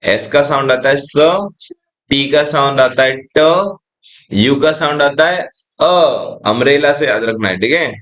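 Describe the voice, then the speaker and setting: A young Indian man teaches phonics at a very unhurried pace, voice sitting in a middle pitch. He spells out each letter and sound patiently and calls his learners "beta". His accent is Indian English. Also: a bit bright. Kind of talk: slow classroom-style phonics lesson.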